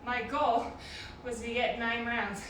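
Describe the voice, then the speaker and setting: A woman's voice: a little high, steady tone, slow, fairly bright tone, far from the mic. A woman coaching a workout as an aerobics instructor, encouraging, calling out short cues and counting reps in a very echoey, noisy room away from the mic.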